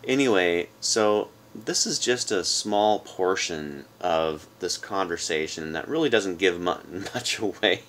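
A man's voice: deep voice, lively intonation, a little slow, few pauses, a bit bright, a little hiss or hum. A man in his forties chatting casually to the camera in a rambling way, recorded on a phone in a room at home. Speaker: vlogger. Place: small room indoors at home.

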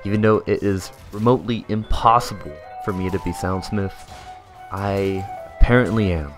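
A young man delivering a mock-serious comedic voice-over as a gaming YouTuber. His tone is deadpan and sarcastic, and at times it slides into exasperated rants. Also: low-pitched, moderate pace. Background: faint background music.

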